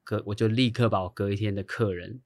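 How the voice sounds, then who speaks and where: A man with a lowish voice, talking casually as he spins a long anecdote. He acts out the people he quotes and laughs now and then. The recording is dry and close, with no room sound. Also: steady tone, quick pace, a little mellow, no room sound. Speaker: guest; hairstylist. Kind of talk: casual storytelling chat.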